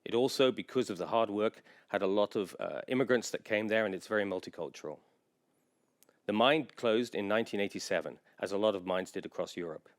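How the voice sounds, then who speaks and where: A man delivers a conference presentation in a low, smooth, resonant voice. He speaks in a measured, informative way. His sentences are broken up by frequent filler pauses. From England. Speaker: general manager giving a presentation.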